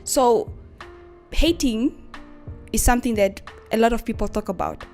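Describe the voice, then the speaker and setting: A woman's voice: on the high side, unhurried, a little mellow, soft background music. A woman contributing to a radio show, talking earnestly and asking rhetorical questions. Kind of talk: casual radio chat.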